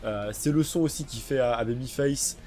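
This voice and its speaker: Mellow-voiced French man reviewing anime. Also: mid-range voice, moderate pace, soft background music. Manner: enthusiastic, rambling with many fillers. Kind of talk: casual video review.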